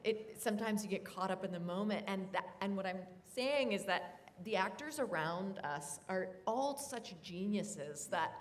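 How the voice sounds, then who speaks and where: Voice actor panelist, a woman with a bouncy, animated delivery, telling a light story about herself. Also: medium pitch, moderate pace, hardly any pauses, slight background noise. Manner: lively storyteller, self-deprecating. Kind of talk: convention panel anecdote.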